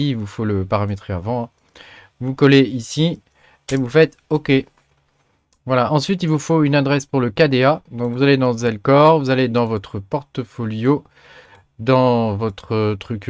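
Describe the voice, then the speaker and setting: A man hosting a software tutorial, chatting through each step with many filler sounds. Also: medium pitch, no room sound. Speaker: tutorial host. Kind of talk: screen-recorded software tutorial.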